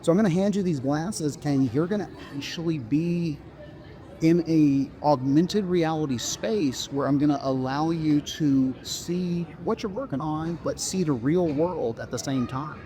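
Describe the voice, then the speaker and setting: Higher-voiced man giving a casual product demo. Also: unhurried, dark tone. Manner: informal, instructive sales patter. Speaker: product demonstrator.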